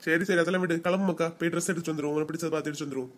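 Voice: mid-range voice, steady tone, very fast, lightly acted. An actor voicing a doting Kanyakumari father. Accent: Kanyakumari Tamil. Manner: coaxing and soothing. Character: gentle middle-aged father, doting.

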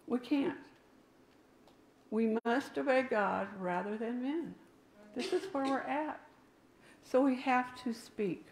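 An older woman delivers a sermon in a gravelly voice. She preaches emphatically, with asides to the people in the pews. The sound carries a roomy church echo. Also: fairly high pitch, slow, long pauses, a little hiss or hum. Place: church sanctuary. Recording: echoey church room.

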